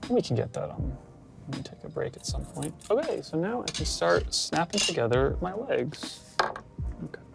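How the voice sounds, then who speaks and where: A woman's voice: deep voice, expressive, moderate pace, gravelly. A woman co-hosting a live stream who gives patient, step-by-step tips in a casual chat. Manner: patient, explanatory, with frequent ums. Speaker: stream co-host guiding a model build. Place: studio, indoors. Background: lo-fi beats music.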